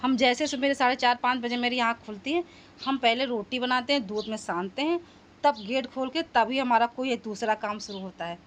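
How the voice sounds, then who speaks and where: A middle-aged woman talking casually at home in a vlog about her pet dog, calling to him now and then in a high coaxing voice. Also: brisk, a little hiss or hum. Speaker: vlogger.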